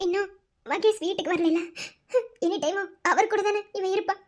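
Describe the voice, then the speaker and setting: A lovesick, flustered young woman in a cartoon, voiced by a woman, speaking with a Madurai Tamil accent. Her voice sits very high and squeaky. She mixes worried questions with choked, teary laughter. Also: steady tone, normal speed. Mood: tearful. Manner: sobbing laughs between anxious, self-questioning lines. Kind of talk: cartoon voice acting.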